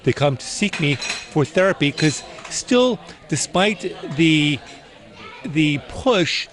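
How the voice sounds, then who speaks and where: A middle-aged man with a slightly high voice speaks as a doctor being interviewed. He is earnest and feels his way through answers, restarting and correcting himself. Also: expressive, slow pace, noisy background.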